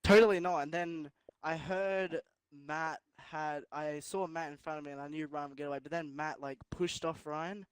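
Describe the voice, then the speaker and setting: Male race winner, smooth voice, a little high, dry close sound, modest and hesitant. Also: fairly even intonation, moderate pace, hardly any pauses, no echo. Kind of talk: casual interview answers.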